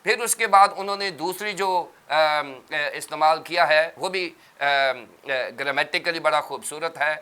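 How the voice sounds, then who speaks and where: A male pastor speaks in a somewhat high voice with a bright, forceful edge. His tone is smooth and crisp. He lays out ideas step by step like a teacher on a TV studio panel. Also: few pauses. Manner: teacherly, explaining terms step by step. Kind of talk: religious TV panel discussion.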